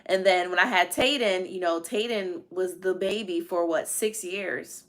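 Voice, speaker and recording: A woman in her thirties chatting casually to viewers on a live stream, animated and acting out her family's lines. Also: fairly low pitch, measured pace. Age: 30s. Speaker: vlogger.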